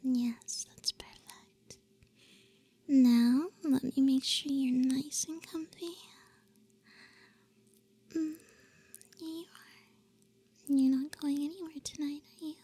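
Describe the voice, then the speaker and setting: A young woman whispering a roleplay for the listener in a soft, teasing, affectionate way, with breathy little hums between phrases. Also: sits high, fairly even intonation, slow pace, long pauses. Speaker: audio roleplay performer.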